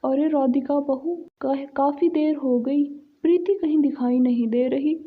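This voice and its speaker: A strict, middle-aged mother-in-law from a cartoon story, as a woman puts her on, bossy and always scolding. Her voice is high. The sound is thin and phone-like. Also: steady tone, a little slow. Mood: complaining.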